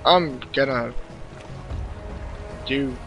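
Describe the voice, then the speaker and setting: A man's voice: medium pitch, very slow, lo-fi sound, over music. A man giving sarcastic, profane, joking let's play commentary over a video game. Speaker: gaming commentator.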